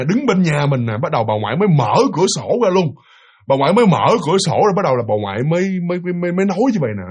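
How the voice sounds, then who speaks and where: A man with a Southern Vietnamese accent telling a ghost story in an animated, emphatic way, throwing rhetorical questions at his listeners. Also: fairly high pitch, breathy edge. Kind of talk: spoken ghost story narration.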